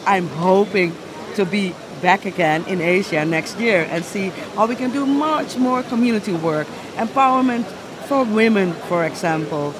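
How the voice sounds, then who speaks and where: Enthusiastic woman, crowd behind. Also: mid-range voice. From Netherlands. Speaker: company executive. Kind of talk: vox pop interview.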